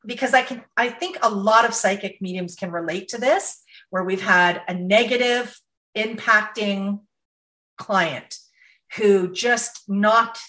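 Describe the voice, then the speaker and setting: A woman who works as a psychic medium, telling a story to her podcast co-hosts in a lively, casual way, laughing now and then. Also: medium pitch, poor audio. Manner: animated, laughs while telling stories.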